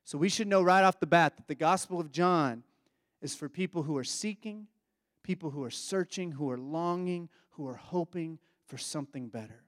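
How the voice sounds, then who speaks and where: A man's voice: fairly high pitch, normal speed, dry recording, clean studio sound. A man preaching a reflective, conversational sermon.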